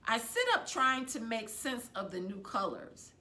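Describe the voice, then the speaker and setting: A woman with a slightly high voice reads a children's novel aloud as a librarian might. She tells it with drama and expression, choosing her phrasing deliberately.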